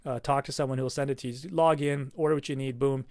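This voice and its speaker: A man's voice: mid-range voice, steady tone, quick pace, darkish tone, no room sound, clean studio sound. A man, a dentist, talking casually through a slide review of an implant kit, with lots of fillers and restarts.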